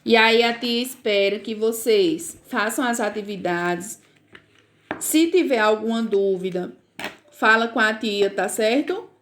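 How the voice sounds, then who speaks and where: A woman's voice: fairly high pitch, a little slow, slight background noise. A Brazilian woman teaching a reading lesson to first graders, patient and drawn out, often checking that the children follow. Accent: Brazilian Portuguese.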